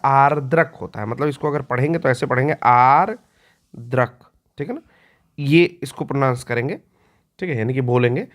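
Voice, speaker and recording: A male teacher giving an exam-prep lecture. He explains patiently, repeats key words slowly and often clears his throat. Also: medium pitch.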